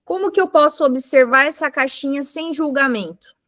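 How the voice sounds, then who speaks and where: A woman's voice: high voice, normal speed, fairly bright tone, no echo, studio quality. A woman teaching mindfulness to a live group, patiently explaining with everyday examples and asking the class questions. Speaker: mindfulness instructor. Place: indoor room with a live group.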